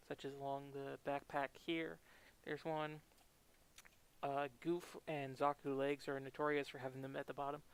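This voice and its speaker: A man's voice: on the high side, vocal fry, smooth. A man giving a casual hands-on tutorial as a stream host, his voice muffled through a respirator mask, talking informally and a bit hesitantly while he works.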